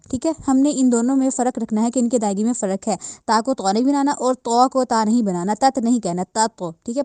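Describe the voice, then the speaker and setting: A woman with a fairly high yet darkly mellow voice patiently teaches Quran recitation, breaking down each letter's sound one step at a time and drawing out her recitation slowly in this tajweed lesson. She frequently repeats herself and checks in. The recording is close and dry, with no room sound at all.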